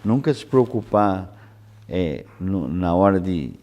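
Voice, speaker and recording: A man São hosting an unscripted conversational interview, haltingly repeating words as he searches for phrasing. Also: low-pitched, very animated, a little mellow. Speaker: interview host.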